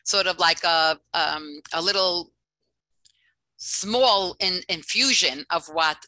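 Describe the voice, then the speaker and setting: A woman's voice: fairly low pitch, slow pace, pushed and bright, no room sound, rough recording. A woman dating coach speaking earnestly on a live online podcast, heartfelt, with frequent restarts. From based in Los Angeles. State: emotional, near tears.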